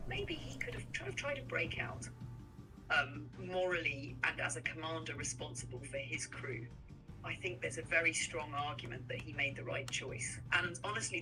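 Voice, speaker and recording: An AI voice assistant calmly explaining history in chat answers, reading out web links. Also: mid-range voice, far from the mic, poor audio. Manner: measured, reads out links.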